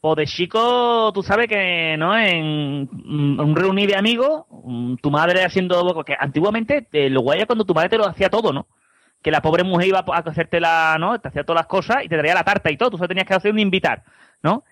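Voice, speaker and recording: A man with an Andalusian accent tells a casual, rambling story, tagging nearly every phrase with a quick question. His voice sits high for a man. The recording is dry and close. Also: expressive, fairly bright tone, no echo. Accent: Andalusian Spanish. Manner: rambling, keeps adding "¿no?". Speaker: podcast co-host.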